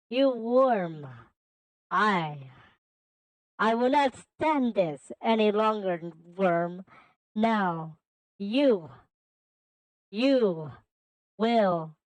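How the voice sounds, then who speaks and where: A cold, menacing male villain, as a woman puts him on drawls grand threats at a slow, deliberate crawl and sneers at his foes as worms. The voice is dry and close, with no room around it. When his plans fall apart, the threats stammer into frantic cries. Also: medium pitch, no room sound, low-quality recording. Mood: furious.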